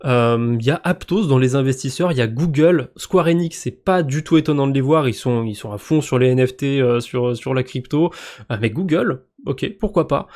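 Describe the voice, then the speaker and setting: A man with a French accent comments on a news roundup in a loose, conversational way. He talks at a mid pitch, halting often with fillers and restarts. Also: darkish tone. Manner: chatty, hesitant, many fillers and restarts. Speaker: crypto news host.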